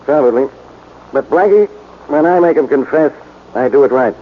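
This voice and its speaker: An actor playing a blustery, proud police inspector with a gruff, boastful manner in a 1940s radio drama. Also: male voice, medium pitch, lively intonation, moderate pace, natural voice. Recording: muffled, hissy 1940s radio recording.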